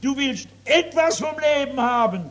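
A man with a very high-pitched, animated voice preaches an evangelistic sermon to a seated audience. He shifts between loud exclamations and hushed, drawn-out emphasis, posing rhetorical questions to his listeners.

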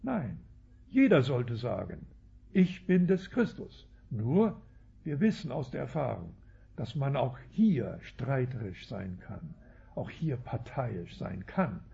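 A Bible teacher delivers an expository sermon in a medium-pitched voice that is warm, husky and creaky, very animated yet slow. He frequently tags sentences with "ja" and corrects himself along the way, in a muffled recording.

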